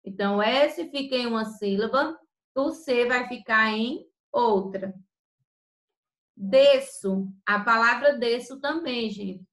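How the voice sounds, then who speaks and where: A woman teacher giving a grammar lesson, spelling out sounds slowly and then explaining quickly. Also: a little high, fairly bright tone, roomy sound, poor audio.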